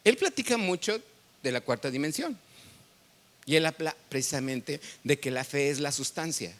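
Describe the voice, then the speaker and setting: Mexican pastor guy preaching, kinda high voice, sharp and bright, asks the crowd questions as he tells stories. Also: expressive, normal speed. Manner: conversational storytelling, quizzing the congregation. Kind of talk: sermon.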